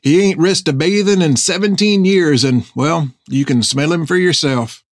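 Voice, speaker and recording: A man's voice: a little high, normal speed, no room sound, studio quality, pitched above the performer's own voice, lightly acted. A man doing a folksy old sailor. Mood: teasing. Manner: folksy rustic dialect. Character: gruff folksy male ship's mate.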